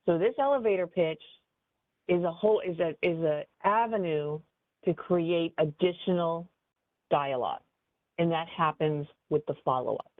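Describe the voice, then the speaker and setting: A woman business advisor giving a webinar training in an animated, conversational way, with frequent fillers. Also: on the low side, normal speed, dry recording. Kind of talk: webinar presentation. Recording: tinny phone-like dry audio.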